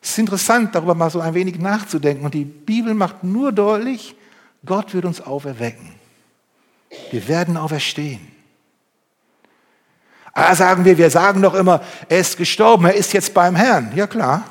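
High-voiced preacher in a reverberant hall. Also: male voice, moderate pace. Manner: lively, swings between loud emphasis and quiet intimacy. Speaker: pastor. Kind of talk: sermon with Bible reading.

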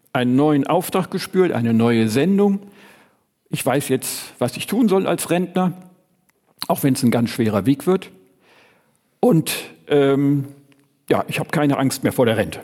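A man's voice: mid-range voice, dark tone. A man in his sixties giving a personal testimony in a sermon, telling it earnestly and acting out his talks with Jesus. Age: 60s. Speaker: preacher. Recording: long reverb of a large hall.

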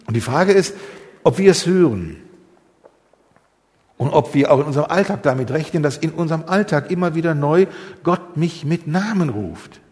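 A man's voice: fairly high pitch, moderate pace, long pauses, a little mellow, big-room sound. A man preaching a sermon, earnest and full of rhetorical questions. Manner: earnest, many rhetorical questions, rising emphasis.

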